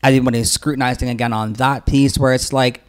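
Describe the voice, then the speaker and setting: A man's voice: mid-range voice, steady tone, fast talker, smooth. A man with a lisp and slushy, whistling s sounds, talking casually and earnestly as a podcast co-host. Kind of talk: casual, rambling discussion.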